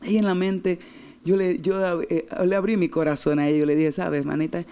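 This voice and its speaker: A man preaching a sermon as pastor, fervent, swinging from loud high urging to low hushed pleading. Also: fairly even intonation, normal speed, clear, resonant tone.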